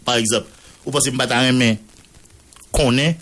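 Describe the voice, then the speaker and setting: A man's voice: mid-range voice, steady tone, moderate pace, a bit bright, slight background noise. Radio journalist, man, Haitian accent, reads court documents and names, French with Creole mixed in. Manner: mixes Creole into French, reads long name lists. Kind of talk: news commentary, reading a court order.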